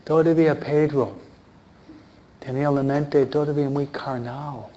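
A man's voice: on the high side, steady tone, unhurried, warm tone, muffled recording. A man preaching a sermon in a conversational way, often asking his listeners questions. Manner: conversational, asks the audience questions.

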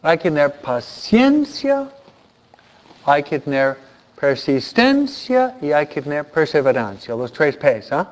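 A man preaching a sermon, animated and repeating phrases for emphasis. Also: on the high side, slow, highs cut off.

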